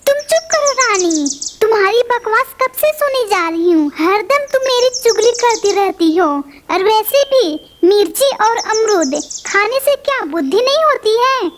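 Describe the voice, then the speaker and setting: A woman voicing a quarrelsome, hot-tempered female parrot in a cartoon, shrill and snapping. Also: animated, measured pace, slight background noise. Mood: angry. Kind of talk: cartoon voice acting.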